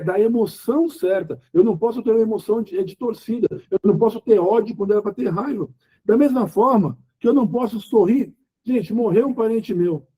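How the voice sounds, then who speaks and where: A man's voice: sits high, mellow, slightly rough. A middle-aged man with a Brazilian accent preaching an informal sermon to couples, talking conversationally and acting out quoted dialogue. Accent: Brazilian Portuguese. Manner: conversational, acts out quoted dialogue, rhetorical questions. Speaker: preacher leading a Bible study for couples.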